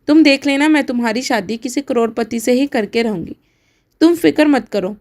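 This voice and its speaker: A woman's voice: on the high side, close to an everyday voice. A woman voicing an anxious, loving mother in a spoken story. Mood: confident. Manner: soft, coaxing. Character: worried poor mother, fond and anxious.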